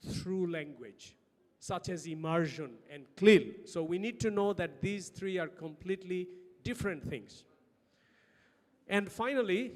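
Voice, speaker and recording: At an academic conference, a man with a Bangladeshi accent gives a lecture-style presentation in a notably high voice. He is emphatic and uses rhetorical questions to drive home his points, while the long reverb of a hall surrounds his words.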